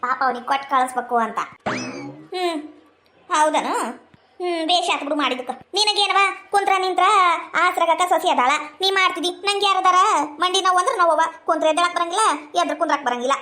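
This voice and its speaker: Middle-aged woman, North Karnataka accent, high and bright, homely scolding housewife for a dialect comedy sketch. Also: brisk. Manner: chatty, scolding homely talk. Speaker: village housewife in a comedy skit.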